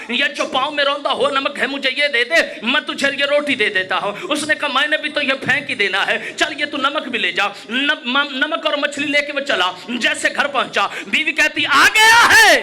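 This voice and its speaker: A Pakistani cleric with a very high, piercing voice tells a story as a sermon, voicing each character in turn. His tone is sharp and forceful, and at the peaks he rises into shouted, chanted lines. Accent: Pakistani Urdu. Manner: dramatic, acts out dialogue, rises to shouted climaxes. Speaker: Shia cleric reciting a majlis. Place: mourning gathering hall.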